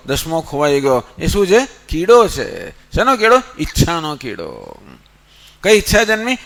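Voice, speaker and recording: In this Gita discourse, a man speaking as a spiritual teacher tells a story, raises rhetorical questions and answers them himself, and counts slowly. His pitch is fairly high and his tone a bit bright.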